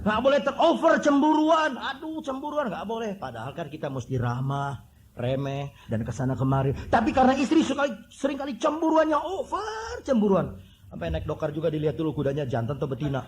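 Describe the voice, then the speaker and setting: A man preaching a sermon, animated and joking, with mimicked voices and whistle sounds. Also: sits high, brisk, slight background noise. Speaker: pastor.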